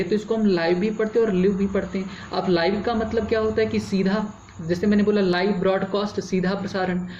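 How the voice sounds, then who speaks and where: A male English teacher with a high-pitched, slightly mellow voice explains in Hindi, classroom style, spelling words out letter by letter, mixing in English terms, and asking rhetorical checks. The lo-fi recording sounds roomy and dull, with a faint hiss.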